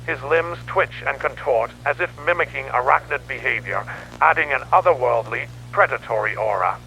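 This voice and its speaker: In scripted analog horror narration, a man plays a grim newspaperman logging an investigation, telling it in a grave, dramatic, ominous way. His medium-pitched, sharp voice moves at a moderate pace over a noisy, radio-like tape with hum.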